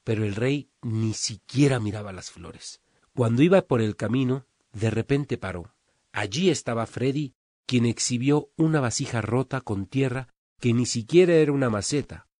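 A man's voice: mid-range voice, normal speed, darkish tone, dry recording, studio quality. A man preaching a sermon, telling a story in an earnest, emphatic way.

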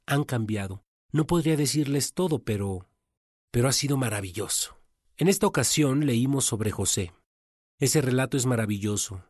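A man's voice: medium pitch, a little mellow, slightly rough, dry recording, studio quality. A man preaching a sermon in an earnest storytelling manner.

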